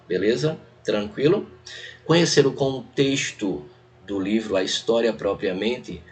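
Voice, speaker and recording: A Brazilian man with a fairly low voice leads an online exam-prep lesson. He speaks in a relaxed, conversational way and keeps checking that his students are following. He points them through a text one step at a time. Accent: Brazilian Portuguese. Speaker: teacher.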